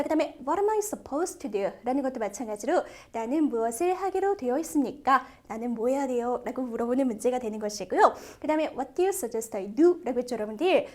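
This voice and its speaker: A woman with a bright, high voice teaches a test-prep listening lesson. She speaks in a lively, animated way and keeps turning to her students with questions. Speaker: TOEIC listening instructor. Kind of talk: video lecture.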